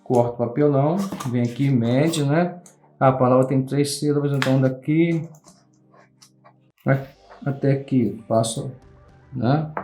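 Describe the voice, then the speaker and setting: A man's voice: mid-range voice, a little mellow. A man with a Brazilian accent explaining a classroom craft game step by step, patiently checking in with his listeners after almost every phrase. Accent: Brazilian Portuguese. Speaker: craft tutorial host. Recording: roomy echo, faint background music.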